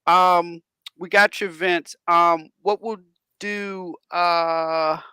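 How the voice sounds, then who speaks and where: A man hosting a talk radio interview, chatty and quick to laugh, asking rambling questions full of restarts. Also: sits high, fairly even intonation, bright, forceful tone, clean tone, dry recording. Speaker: radio show host. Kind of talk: casual interview chat.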